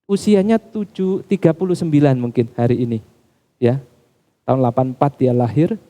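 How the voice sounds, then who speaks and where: A man preaching a sermon in a church, calling the congregation Bapak Ibu Saudara as his pitch climbs and drops. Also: normal speed, mellow. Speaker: pastor.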